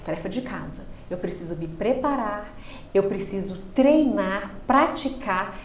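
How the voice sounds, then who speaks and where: A Brazilian woman, a speech therapist guest on a podcast, explaining with expressive swings in pitch and loudness. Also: a little slow, a little hiss or hum. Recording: roomy studio echo.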